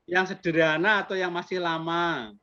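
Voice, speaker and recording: A Javanese-accented accreditation assessor chats with teachers in an online interview, friendly and talkative, adding Javanese politeness words. His voice is fairly high, pushed, and bright, with a flat delivery and moderate pace. The video call audio is muffled and has background noise.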